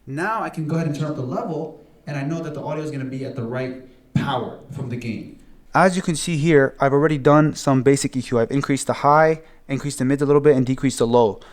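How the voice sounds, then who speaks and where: This man talks fast in a mid-range voice. He's an instructor showing how audio gear works in a casual hands-on tutorial, laying out each step in straightforward language and repeating the essentials.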